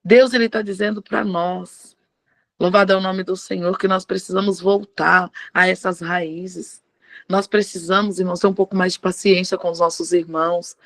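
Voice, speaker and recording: A woman pastor preaching a devotional sermon, animated and acting out quoted dialogue. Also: fairly low pitch, moderate pace, no room sound.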